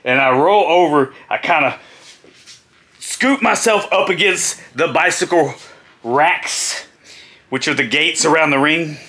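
A man's voice: on the high side, a little slow. A middle-aged man, a former pro wrestler, animatedly telling a road story with laughs. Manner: animated, laughing, acting out voices. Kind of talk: storytelling vlog.

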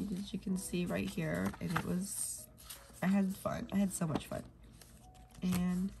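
A planner vlogger, a young woman with a cold, rambles through a casual plan-with-me chat as she fills in her planner. Her voice sits on the low side, with vocal fry. She sounds sniffly and soft, occasionally sinking into a whisper mid-task.

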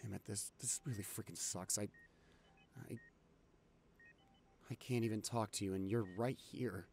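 A young man voicing a caring, anxious boyfriend in an audio role-play, talking softly and reassuringly to his sick partner. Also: on the low side, fairly even intonation, moderate pace, vocal fry, slight background noise. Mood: subdued remorseful. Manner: soft, soothing, reassuring. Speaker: voice actor reading a listener script.

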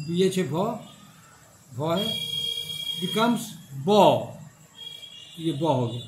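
A middle-aged male professor teaching in a classroom, his voice high and unhurried. He goes over each point again and keeps asking whether the class understands. The room is echoey, with faint ambience behind him. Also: slight background noise. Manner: repeats each point, asks the class if they follow. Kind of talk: classroom lecture.

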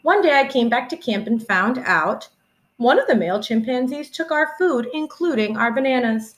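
A woman in her twenties, a teacher, reads a children's picture book aloud with expressive storytelling flair. Her voice sits high and moves at a normal speed. She's recorded on a webcam in a small room at home.

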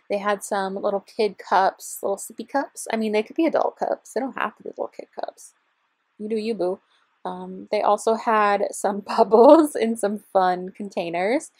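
A woman's voice: mid-range voice, no room sound. Bubbly young woman chatting about shopping finds. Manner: bubbly, chatty, gushing over cute finds. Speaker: vlogger. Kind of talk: shopping vlog voiceover. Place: parked car.

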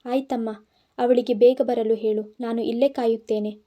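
A woman's voice: a little high, little pitch movement, normal speed, highs cut off, close to an everyday voice. A woman voicing a stern middle-aged village father who scolds with a raised voice. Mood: plain.

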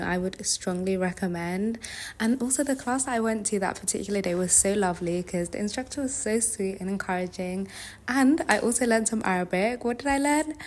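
A young woman in a casual vlog, talking to a camera held at arm's length while out in the city, cafes and beach, with lots of fillers. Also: medium pitch. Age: young adult. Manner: chatty, filler-heavy, relaxed. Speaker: vlogger. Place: outdoors in a hot city, cafes, beach and street. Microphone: phone or camera held at arm's length. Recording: loud outdoor noise and traffic.

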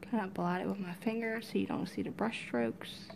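A middle-aged woman giving relaxed, murmured step-by-step instructions in a hands-on craft tutorial at home. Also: mid-range voice, normal speed, creaky, background noise. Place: cluttered home craft room, indoors.

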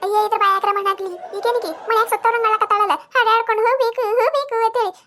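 A woman's voice: very high-pitched, steady tone, quick pace, a bit bright. A woman with a North Karnataka accent voicing a grumbling, nagging village mother-in-law in a cartoon comedy. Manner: grumbling, nagging, talking to herself.

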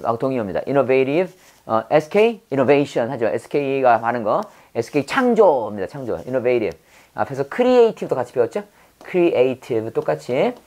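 A woman's voice: rumbling low, darkish tone. A woman teaching English vocabulary to a Korean-speaking audience with memory tricks, repeating each word and quizzing the listener. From South Korea. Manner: repeats words and quizzes the viewer, drawn-out pronunciation drills. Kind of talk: vocabulary lesson with mnemonic wordplay.

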